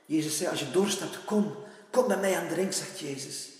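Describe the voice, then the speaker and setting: A male preacher giving gentle, repetitive prophetic worship ministry in a coaxing way. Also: a little high, moderate pace. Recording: echoey hall with faint music.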